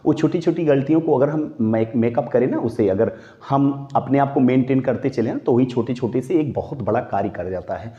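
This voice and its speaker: A man's voice: mid-range voice, normal speed, few pauses, highs cut off. A man teaching a grammar lesson, calling viewers his friends and posing questions that he answers himself.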